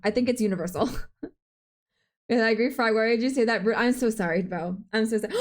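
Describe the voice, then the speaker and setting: A young woman with a slightly high voice chats playfully with her live-stream audience. She talks quickly and casually into a desk mic, reading chat messages aloud and tossing back jokes. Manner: chatty, playful, quick-talking.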